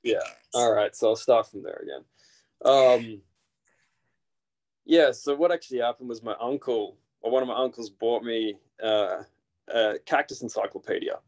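An Australian man in his 30s, a naturalist guide, chats loosely as a guest in a casual video-call interview, his medium-pitched voice moving at a moderate pace. He's relaxed and rambling, full of fillers and restarts. The built-in laptop mic picks him up in a small indoor room.

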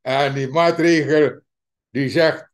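A man's voice: fairly high pitch, fairly even intonation. A man with a Surinamese Dutch accent giving a mocking, emphatic political commentary to his viewers. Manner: slow, mocking, emphatic, addresses viewers as dear friends. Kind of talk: opinion commentary monologue.

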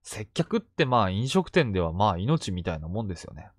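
A man narrates true ghost stories in a hushed, suspenseful way. His pitch swings widely as he builds dread. The sound is dry and close, with no room around it. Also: sing-song, brisk, no echo. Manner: hushed, suspenseful storytelling with sudden vivid quotes.

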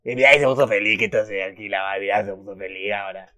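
A young Argentine man in his twenties talks fast in a casual reaction video, voicing the subtitles and exclaiming between lines. His voice is on the low side with little pitch movement. The recording is muffled, with background noise.

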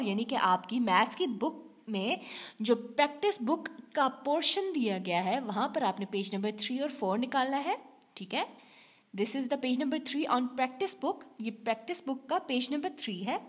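A woman class teacher giving a slow, patient online lesson to young students, mixing English into her talk and often checking "okay". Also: sits high, slightly rough. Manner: mixes English with Urdu-Hindi.

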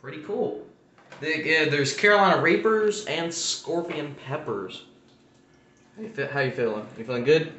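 A man's voice: a little high, expressive, normal speed, a bit bright, roomy sound, a little hiss or hum. A man hosting a casual vlog, teasing his friend through a spicy chip challenge and often laughing. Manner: teasing, repeatedly asking how he feels, laughing.

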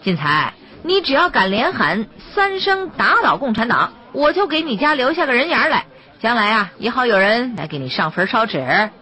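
A man's voice: extremely high pitch, very animated, moderate pace, sharp tone, husky, voice pushed up, exaggerated voice. A woman voicing a cruel young male militia squad leader who taunts and mocks his victims in an audiobook reading. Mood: taunting. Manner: taunting, mocking.

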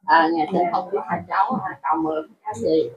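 A wedding guest chatting casually, asking quick questions. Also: mid-range voice. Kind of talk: casual chat. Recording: dull lo-fi sound with crowd behind. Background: crowd chatter.

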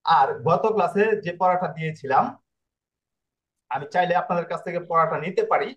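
A man's voice: a little high, fairly quick, highs cut off. A man teaching Italian pronunciation in an online class. He explains in a repetitive way and keeps checking with his students.

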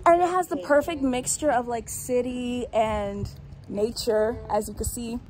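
Brief: upbeat woman vlogger with a high voice, filming herself on a phone, with clear street noise behind her. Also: steady tone, a little slow, darkish tone. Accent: Haitian-American. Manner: chatty, upbeat, talks to viewers. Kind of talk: casual travel vlog.

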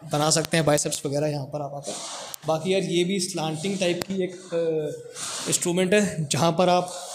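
A man's voice: a little high, slight background noise. A young man giving a casual, joking walking tour of a college gym, speaking on a lapel mic. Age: young adult. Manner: chatty, joking, addresses viewers directly. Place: indoor college gym, medium-sized room. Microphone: clip-on lapel mic.

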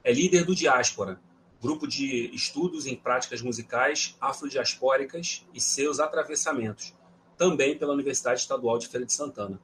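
A man's voice: medium pitch, normal speed, fairly bright tone, slight background noise. A man hosting a podcast, reading a formal introduction of his guest and then asking friendly questions. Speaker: podcast host.

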